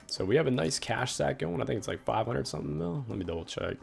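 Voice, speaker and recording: A young man with a mid-range, creaky voice talks fast and casually on a game livestream, rambling along and reading viewer messages out loud. He sounds relaxed, and faint game music plays in the background.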